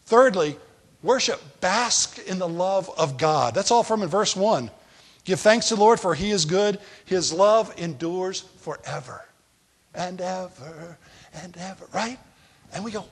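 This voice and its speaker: A man's voice: high voice, a bit bright. A man preaching a sermon as a pastor, talking in a conversational way and asking the congregation questions.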